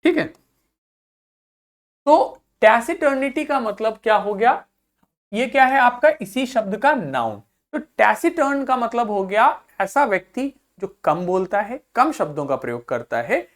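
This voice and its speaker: A woman's voice: on the high side, very animated, measured pace. A woman teacher giving a vocabulary class to school children. She repeats each point patiently, spells suffixes out letter by letter and reads words.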